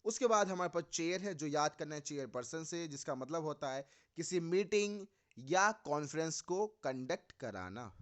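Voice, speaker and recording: Indian english guy teaching vocab for exams, slightly high voice, mixes hindi n english. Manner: explains with memory tricks, mixing Hindi and English; asks the viewers questions and answers them himself. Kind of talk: exam-prep vocabulary lesson.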